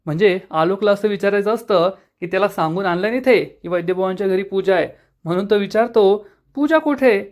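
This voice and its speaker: Marathi serial recap narrator, brisk retelling, slips into each character, middling pitch. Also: darkish tone. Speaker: serial episode reviewer.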